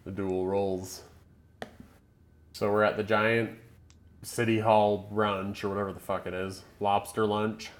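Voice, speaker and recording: A man's voice: lowish voice, flat delivery, measured pace, pauses often. A man co-hosting a podcast, recapping a movie in loose, chatty talk with lots of laughter and fillers. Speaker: podcast co-host. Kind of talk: casual movie recap chat.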